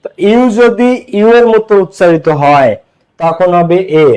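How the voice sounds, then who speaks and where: A man leads an online English grammar lesson. His voice sits high for a man. He explains in Bengali, drills with repeated questions, and reads English example phrases slowly. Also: animated, a little mellow, clean tone, low-quality recording. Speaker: English teacher.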